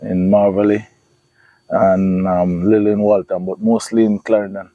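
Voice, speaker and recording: A middle-aged man, a football coach, chatting in an interview in a relaxed, hesitant way with many pauses. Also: lowish voice, no echo, dull audio. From Jamaica. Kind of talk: casual interview chat.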